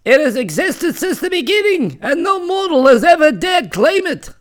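A man voicing an impatient male fairy king in a storybook reading, speaking high and excited. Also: normal speed. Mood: eager.

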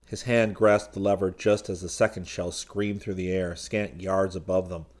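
A man narrating a science-fiction audiobook in a steady, measured reading. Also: low voice.

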